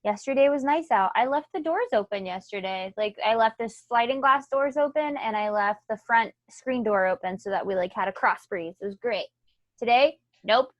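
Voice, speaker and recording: A woman's voice: fairly high pitch, normal speed, no room sound. A young woman co-hosting a casual home podcast, chatting and teasing in an easygoing way, tired after a morning run. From Florida. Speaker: podcast co-host. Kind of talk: casual chat. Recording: dry, muffled lo-fi home recording.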